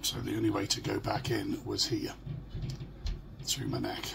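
A hoarse, middle-aged British vlogger talks to his camera from a small furnished room at home, his low voice gravelly and very creaky. He speaks casually but haltingly, in a gloomy monotone that feels like a diary entry. Clear noise runs through this home phone or webcam recording.

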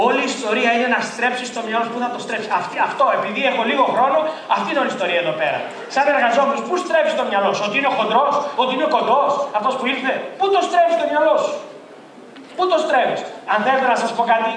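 A man giving a lively seminar talk as a tourism trainer, animated and rising to near-shouts as he acts out quotes. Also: high-pitched. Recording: echoey hall from far off.

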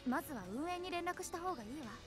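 A woman's voice: very high voice, animated, fast talker, over music. A woman voicing a bossy but caring, feisty young heroine in a Japanese anime game. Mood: scolding.

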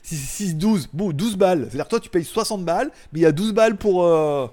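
Fairly quick and expressive, a high-pitched French man with a dark tone hosts tech news live from his home studio. He wanders off-topic, jokes crudely and laughs a lot in this casual chat.

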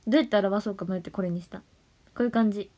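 A young woman, chatting playfully on a solo livestream and sometimes dropping to soft murmurs and whispers. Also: medium pitch, racing. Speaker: idol livestreamer. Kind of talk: casual solo livestream chat.

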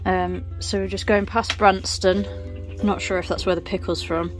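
A young woman talks in a loose, chatty way, filling pauses as she thinks aloud. She holds the phone at arm's length outdoors, and clear music plays underneath her voice. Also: lowish voice, little pitch movement. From England. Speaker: vlogger. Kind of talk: casual travel vlog chat. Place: outdoors on a canal narrowboat.

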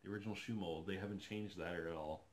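A man's voice: low voice, steady tone, quick pace. Chatty man unboxing a doll at home. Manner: chatty, enthusiastic, thinking aloud while handling a doll. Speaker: doll collector vlogger. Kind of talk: casual unboxing commentary. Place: living room, seated on a sofa.

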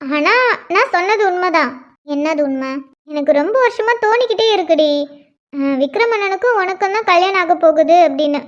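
A cheeky cartoon schoolgirl teases her friend with a playful bite, voiced by a woman. Her voice is extremely high and bright with mischief. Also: animated, brisk, dull audio. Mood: teasing. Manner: teasing, playful.

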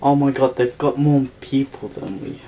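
A man giving live gameplay commentary, excitable, swearing often and taunting opponents. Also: medium pitch, moderate pace. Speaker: gaming commentator. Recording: game gunfire and vehicle noise behind. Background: loud in-game gunfire and vehicles.

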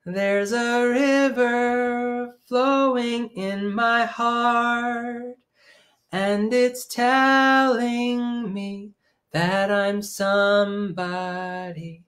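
A man in his thirties, a children's music teacher from Maine, leads young kids through songs with sign language in a slow, gentle, encouraging sing-along. His voice is very high with fairly even intonation, and faint music plays behind him. A webcam at desk distance picks him up in a small room at home.

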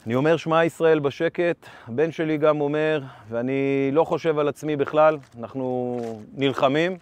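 A man in his fifties, a former tank brigade commander, giving an urgent first-person account of combat and re-enacting the shouted orders. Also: a little high, fairly even intonation, clean tone, dry recording.

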